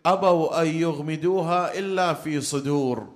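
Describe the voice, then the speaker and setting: A man reciting a devoted companion's solemn pledge, low and slow. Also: close to an everyday voice.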